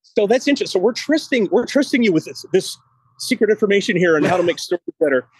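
His pitch sits high and he talks fast and animatedly, with a breathy edge, in a dry, poor-quality recording. He's a man in his fifties, a chatty, easygoing podcast host on a video call, phone at arm's length while walking outside and into a studio building.

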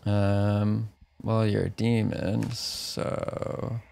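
A man's voice: on the low side, moderate pace, gravelly, darkish tone. A man in his thirties muttering casual commentary and exasperated asides as he streams a horror game, reading out dialogue. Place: small home room, indoors. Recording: faint game noise behind voice.

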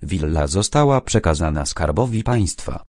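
A man reading the lines of a calm police major in an audiobook, speaking gently and in a measured way. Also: deep voice, dry recording, clean studio sound. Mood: grave.

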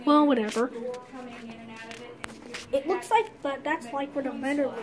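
With a crowd audible in the background, a woman with a high voice films a rambling walk-through vlog around a closed restaurant, an abandoned building she's exploring outdoors. She speaks a little slowly and keeps dismissing things with "well, whatever."

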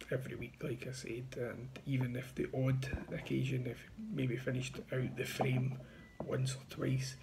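Gravelly-voiced man in his thirties, chatty and sure of himself, tipster talking into a phone camera in a small room. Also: mid-range voice, a little mellow, a little hiss or hum. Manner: confident, chatty, pushing bets. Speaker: betting tipster. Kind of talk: casual to-camera tips. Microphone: phone front camera at arm's length.

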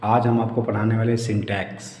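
A man's voice: fairly low pitch, level tone, moderate pace, darkish tone. A man teaching an English grammar lesson, explaining words one at a time and often saying "okay". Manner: repeats "okay" often, drills examples. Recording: echoey room with faint ambient noise.

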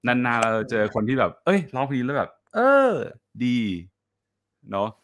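A man in the middle of his usual pitch range coaches classical singing in an online workshop. He encourages the singer, then breaks into sung phrases to show what he means. He drops English and Italian music terms into his explanations. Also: moderate pace, a bit bright. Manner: friendly, encouraging. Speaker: voice teacher.

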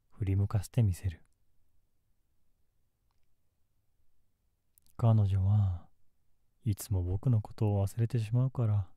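A man playing a gentle, melancholy young man in love, in a soft, intimate ASMR role-play close to the mic. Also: fairly low pitch, no echo, lightly acted. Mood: wistful. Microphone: close ASMR microphone in a dry space.

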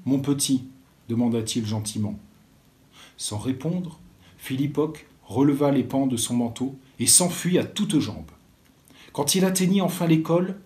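A man's voice: mid-range voice, a little mellow. A man reading a children's story aloud as a library storyteller, then speaking directly to the children.

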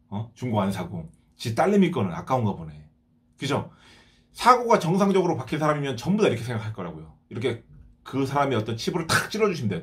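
A Korean man in his thirties hosts an advice talk for viewers, his pitch leaping about as he acts out the remarks he quotes. He talks quickly and keeps the delivery animated throughout. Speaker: host.

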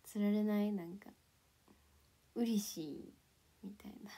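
A young woman chatting casually to viewers on a livestream, playful and giggly, sometimes dropping into soft whispers. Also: medium pitch, level tone, brisk, vocal fry. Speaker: idol livestreamer.

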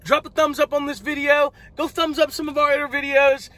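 A man's voice: very high voice, level tone, fairly quick, a bit bright, no room sound. A young man of about eighteen, talking earnestly to viewers from a parked car and urging them to subscribe, filmed on a phone. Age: late teens. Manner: earnest, preachy at times, plugs the channel. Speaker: vlogger. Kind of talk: casual vlog chat. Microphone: phone camera held on the dashboard.

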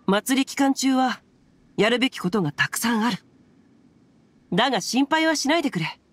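A woman's voice: a little high, lively intonation, normal speed, breathy edge, dry recording. A woman voicing a witty young nobleman swordsman in a video game, breezy and glib. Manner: glib, breezy, proverb-quoting.

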